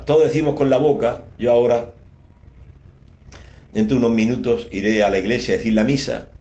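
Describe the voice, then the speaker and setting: A man, a priest, giving a radio homily that rises in pitch on key words, with many rhetorical questions. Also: darkish tone. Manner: preaching, rising in pitch on emphasis, rhetorical questions. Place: radio studio.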